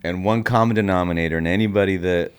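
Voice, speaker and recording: A man in his forties, from Puerto Rico, is the host of an interview podcast. His voice sits low. He speaks earnestly, in the way of a motivational speaker, and slips Spanish phrases into his English. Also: quick pace, smooth. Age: 40s.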